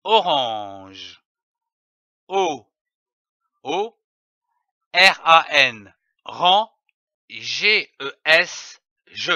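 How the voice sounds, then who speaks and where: Slow, deliberate man teaching phonics. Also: on the high side, bright, forceful tone, no echo. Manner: spells out letters and syllables carefully. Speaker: reading teacher. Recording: dull, dry lo-fi voice-over.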